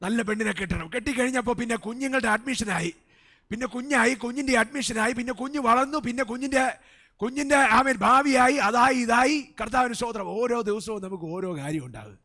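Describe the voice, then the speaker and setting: A man's voice: very high voice, expressive, fast. A man with a Malayali accent preaching a sermon as pastor at a church service, peppering his words with amens and hallelujahs. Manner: swings between soft asides and loud shouted peaks.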